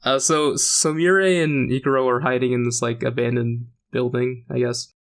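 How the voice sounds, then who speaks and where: A man's voice: mid-range voice, fairly even intonation, moderate pace. A man co-hosting a podcast, casually recapping a story with many fillers and restarts. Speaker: podcast host. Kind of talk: casual chat.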